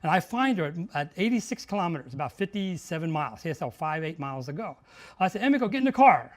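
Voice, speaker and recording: A middle-aged man giving a motivational talk, telling a story with lots of energy and raising his voice sharply when he acts out shouted lines. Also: on the high side, animated, quick pace. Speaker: host, marketing speaker.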